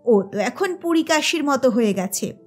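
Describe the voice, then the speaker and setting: A woman's voice: high voice, lively intonation, normal speed, slightly rough, faint music behind. A woman voicing a grown son who talks hurriedly and awkwardly, saying more than he needs to.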